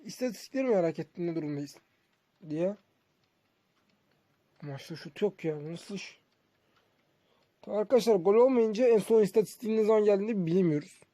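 A man's voice: sits high, fairly quick, pauses often, warm tone, dry recording. A man giving casual, conversational game commentary to his viewers as a streamer. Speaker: gaming streamer.

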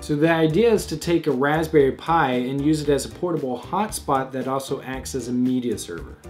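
Dude explaining a diy tech build step by step, plain mid voice, bit of humor, soft music behind. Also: male voice, mid-range voice, a little fast. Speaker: host of a tech DIY channel. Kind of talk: scripted tutorial narration.

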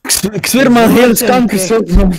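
A teenage boy talks fast and high, swearing as he pleads his case in a game. His voice sits high. A busy buzz of voices runs behind him. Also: a crowd in the background, rough recording. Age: teens. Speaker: gamer. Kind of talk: casual gaming chat.

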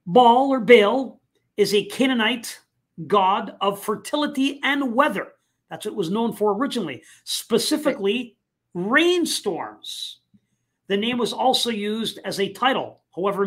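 A man hosting a live online talk show, speaking casually with many fillers and pauses. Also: sits high, a bit bright. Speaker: host.

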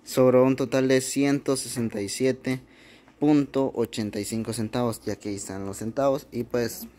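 A man's voice: mid-range voice, steady tone, normal speed, dark tone. A young man hosting a charity vlog, explaining things step by step to his viewers. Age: young adult. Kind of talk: casual narration to camera. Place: small bedroom, indoors.

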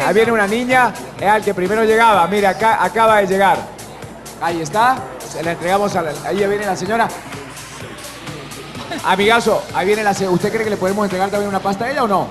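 A man hosts a live television broadcast from an outdoor mall set, energetic and playful as he talks to the audience through a handheld mic. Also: high voice, fast talker, music in the background. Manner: energetic, playful, addressing the crowd. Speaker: show host.

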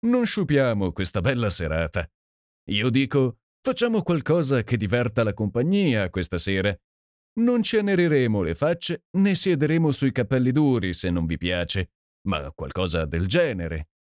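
A man reading an audiobook and voicing a boisterous, jovial Canadian gentleman with a hearty, exclamatory manner. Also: mid-range voice, big pitch swings, normal speed, no echo, lightly acted. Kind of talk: audiobook character voice. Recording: dry close sound.

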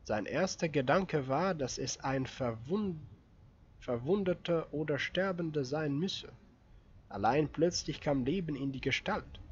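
A man narrating an audiobook in a steady, measured reading voice. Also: mid-range voice, highs cut off. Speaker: audiobook reader.

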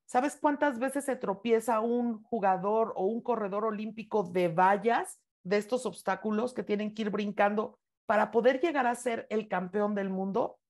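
A woman's voice: medium pitch, moderate pace, few pauses, a little mellow. A woman leads an online reading club in casual talk. She speaks with emphatic encouragement, leaning hard on key words as she tells her own stories. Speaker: book club host and speaker.

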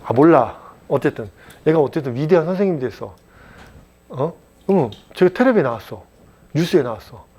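A man's voice: fairly high pitch, sing-song, a little fast, long pauses, a little mellow, slightly rough. Blunt chatty male math tutor. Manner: blunt, chatty, keeps asking students rhetorical check-in questions; mock-scolding, joking lecture to teens. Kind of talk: classroom math lecture. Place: classroom at a private cram school.

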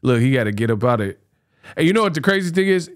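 A man's voice: mid-range voice, big pitch swings, rapid-fire, crowd noise. A man in his thirties hosting a reaction video with colloquial, teasing commentary, often repeating himself. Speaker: reaction channel host. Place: small home studio, indoors. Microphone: close microphone on a stand.

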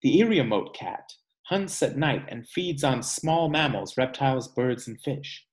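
In a small indoor room at home, a man reads a children's nonfiction picture book aloud at a slow pace, deliberate and pausing, adding musing asides. His voice is mid-range and the audio quality is poor.

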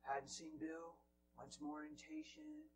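Man, preacher, high voice, storytelling sermon, whispers and exclaims, faint hum. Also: normal speed, gravelly. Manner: animated storyteller, swings from hushed whispers to loud exclaims. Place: church hall.

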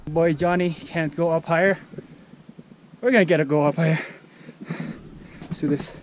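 A young man talking excitedly to his viewers in a casual vlog from a mountain summit outdoors, repeating himself as he points things out. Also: fairly high pitch, moderate pace, lo-fi sound, background noise. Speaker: vlogger.

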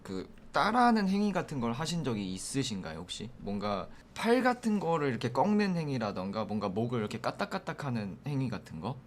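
A man's voice: mid-range voice, sing-song, fairly quick, hardly any pauses, a little hiss or hum. A man working as a paranormal investigator, questioning and explaining casually in polite, hesitant phrasing.

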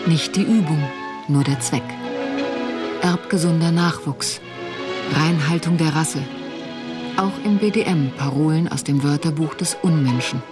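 Male documentary narrator over loud music. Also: a little high, unhurried, pauses often. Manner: terse, clipped sentences.

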